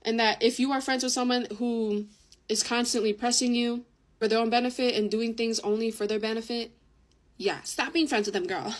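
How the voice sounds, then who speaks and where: A woman's voice: a little high, fairly even intonation, normal speed. A young woman telling a casual storytime while doing her makeup, swearing freely and saying "like" often. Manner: casual, swears a lot, lots of "like". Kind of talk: get-ready-with-me storytime.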